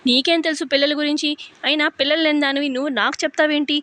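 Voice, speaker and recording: A domineering mother-in-law rattles off insults at speed, voiced by a woman retelling a serial. Her voice sits high and sharp. Every line lands as a scolding. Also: fairly even intonation, fast talker. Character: angry domineering middle-aged mother-in-law.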